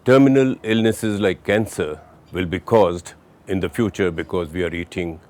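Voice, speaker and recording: A man's voice: low-pitched, normal speed, a little mellow. A man explaining firmly and plainly in an interview. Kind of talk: explanatory talk.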